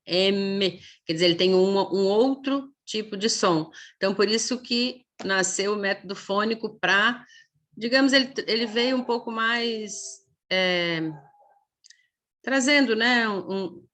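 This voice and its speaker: Brazilian lady teaching a class online, bright voice, says né a lot, stretches sounds out to show them. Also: mid-range voice. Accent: Brazilian Portuguese. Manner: explanatory, many "né?" tags, stretches sounds slowly to demonstrate. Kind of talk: online lecture.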